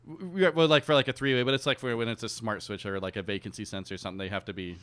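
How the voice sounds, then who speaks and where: A man's voice: lowish voice, steady tone, rapid-fire, a bit bright, clear, resonant tone. A man co-hosting a podcast, rambling and swearing freely in casual chat. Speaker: podcast co-host.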